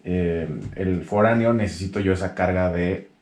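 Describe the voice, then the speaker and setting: Easygoing Mexican man with a low voice. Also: normal speed, roomy sound. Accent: Mexican Spanish. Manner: relaxed, joking, slangy. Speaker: podcast host. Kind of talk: casual chat.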